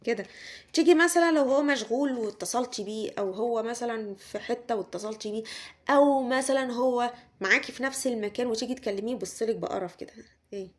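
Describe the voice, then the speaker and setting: Egyptian lady doing a tarot reading, bit high voice, keeps repeating herself, talks right at you. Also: fast talker. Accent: Egyptian Arabic. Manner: repetitive, speaks straight to the listener, acts out quoted lines. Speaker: tarot reader. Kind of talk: tarot reading monologue to the viewer.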